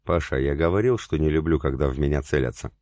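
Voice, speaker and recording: Guy doing a volatile fighter, growly threatening lines, very deep, dry audiobook sound. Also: fast, darkish tone, no room sound.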